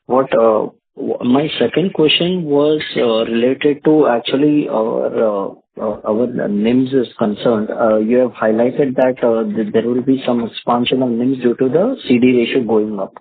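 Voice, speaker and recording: A man's voice: mid-range voice, a little slow, few pauses, breathy edge. A man, an analyst on a conference call, asking polite, hesitant questions full of fillers. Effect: heard over a conference call line. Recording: tinny conference call line.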